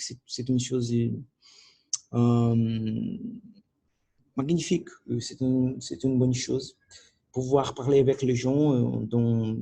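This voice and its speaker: In a video diary recorded at home by his computer, a native Portuguese-speaking man tries French as a learner with a Portuguese accent, halting, searching for words and restarting often. His voice is medium-pitched, mellow and husky, with vocal fry.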